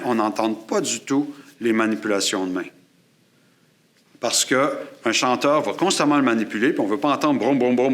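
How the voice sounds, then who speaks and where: A man teaching a class, explaining and demonstrating microphones at a studio table with a boom-mounted shotgun mic above him. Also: fairly bright tone. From Quebec. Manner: explanatory, demonstrating gear while talking. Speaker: photography and sound instructor. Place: studio table set up for filming. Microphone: shotgun mic on a boom above, aimed at his chest.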